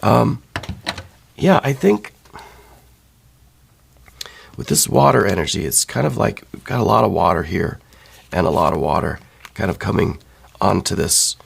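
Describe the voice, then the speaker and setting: A tarot reader losing his voice to laryngitis speaks low and hoarse, his words breaking into whispers. He's soft and thoughtful, with many fillers and repeats, expressive and unhurried with long pauses.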